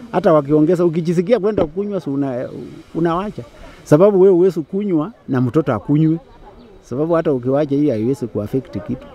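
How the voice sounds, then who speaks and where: A man's voice: fairly high pitch, mellow, lo-fi sound. A middle-aged man with a Kenyan accent speaking offhandedly in an outdoor street interview with a handheld mic. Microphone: handheld furry mic.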